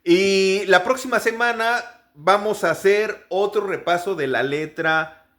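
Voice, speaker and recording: A man's voice: high voice, measured pace, fairly bright tone. A man teaching English pronunciation in a casual lesson, hesitating often and repeating each practice word over and over. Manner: drills each word by repeating it many times; hesitant, with restarts and fillers.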